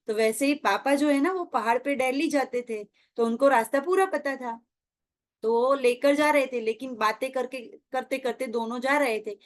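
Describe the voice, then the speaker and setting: A woman teaching a children's class online, telling a story and often asking the children questions. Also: high-pitched. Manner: asks children questions often, acts out characters' lines. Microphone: online meeting call.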